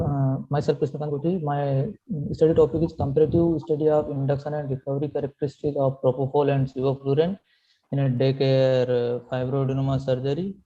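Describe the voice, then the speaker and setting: A man with an Indian accent reading a formal medical conference presentation aloud, somewhat haltingly. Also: on the high side, mellow. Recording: dull, lo-fi video call audio.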